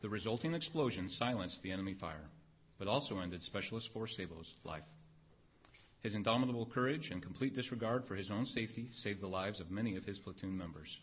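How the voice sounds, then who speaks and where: A man reading an award citation at a ceremony in a measured, solemn, formal way. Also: on the low side, lively intonation, breathy edge. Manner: measured, solemn, evenly phrased. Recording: dull lo-fi recording.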